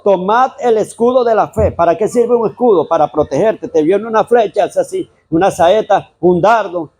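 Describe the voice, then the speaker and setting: A man's voice: sits high, darkish tone, breathy edge. A man preaching a sermon as pastor, repeatedly calling his listeners brother.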